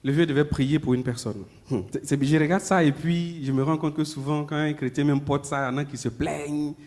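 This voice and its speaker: A man preaching a sermon, talking conversationally with the congregation, repeating himself, and moving between loud emphatic peaks and low murmured asides. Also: fairly even intonation, brisk. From Ivory Coast.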